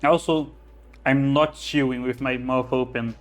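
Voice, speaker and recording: A man streaming a game, reading story text and chatting in an easy, rambling way with self-corrections. His voice sits at an ordinary middle pitch, close on a phone mic. Game music plays faintly behind him. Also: fairly even intonation, measured pace. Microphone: phone held close to the mouth.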